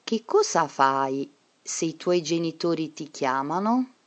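A woman's voice: low voice, animated, slow. A woman voicing a malicious schoolteacher who quizzes her pupils in a coaxing, questioning way. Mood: probing.

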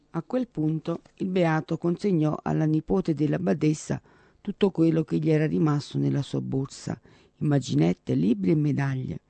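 A man reading a devotional story aloud in a measured, solemn way. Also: on the high side, vocal fry, warm tone, no echo. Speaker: narrator. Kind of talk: scripted narration of a devotional story.

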